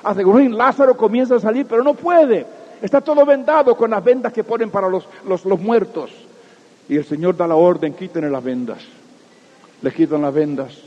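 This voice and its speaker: A man preaching a fervent sermon, repeating phrases for emphasis and swinging between soft and loud. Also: high voice, moderate pace. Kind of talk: evangelical sermon. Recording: echoey hall, dull lo-fi sound.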